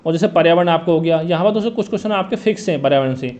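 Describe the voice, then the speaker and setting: A man coaching exam candidates in Hindi, briskly setting out a study plan and often checking in with "theek hai" and "dosto". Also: a little high, animated, darkish tone, highs cut off. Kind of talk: exam strategy talk.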